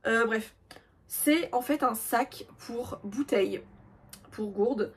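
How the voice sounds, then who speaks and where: A woman's voice: on the high side, slow, slightly rough. A young woman in casual chat, showing her crochet projects with self-mocking asides and many fillers. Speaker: crochet vlogger.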